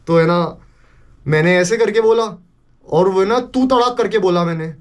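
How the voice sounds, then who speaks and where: A young man vlogging casually, retelling a story in an animated way and mixing in English phrases and swearing. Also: high-pitched, measured pace.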